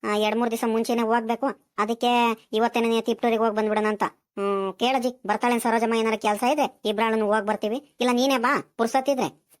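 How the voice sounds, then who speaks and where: An eager village neighbor woman in a cartoon, pleading and persistent, as a woman plays her. She talks quickly. Her voice is fairly high. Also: flat delivery, close to an everyday voice. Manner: persistent, pleading, many drawn-out fillers. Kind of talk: cartoon voice acting.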